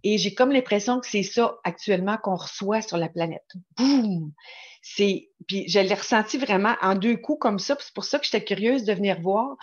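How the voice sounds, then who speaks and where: A spiritual vlogger with a Quebec French accent talks casually to her viewers about spirituality, excited and rambling with many restarts. Her pitch is medium and the audio sounds dull.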